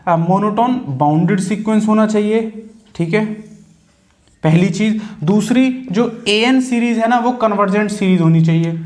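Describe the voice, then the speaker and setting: A man with a high voice walks through a math lecture in an easy, chatty way. He asks a question and answers it himself, thinking out loud as he writes. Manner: talks while writing, asks and answers his own questions. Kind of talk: conversational Hindi-English math lecture.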